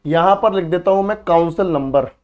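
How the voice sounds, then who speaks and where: High-voiced male teacher drilling students. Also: fairly quick, darkish tone. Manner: repeats key words for drilling, calls students beta and bhai; asks students questions then answers himself. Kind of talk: exam-prep history lesson.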